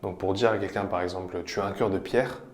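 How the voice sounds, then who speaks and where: A man teaching vocabulary, explaining each example patiently and repeating phrases slowly. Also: low voice, steady tone. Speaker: language teacher. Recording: roomy echo.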